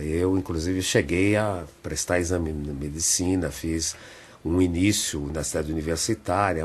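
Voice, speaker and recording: An older man tells stories slowly in a radio studio, often checking in with small tag questions. His voice sits low and sounds husky. He talks like a seasoned theatre man looking back. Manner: unhurried reminiscing, frequent tag questions. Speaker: theatre director, interview guest. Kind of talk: reflective storytelling in a radio interview.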